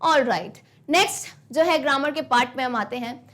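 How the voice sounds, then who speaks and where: High-voiced woman teaching grammar. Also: animated, moderate pace, fairly bright tone. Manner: mixes Hindi and English, asks the class questions and answers them herself. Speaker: English teacher. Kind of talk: classroom lesson explaining grammar.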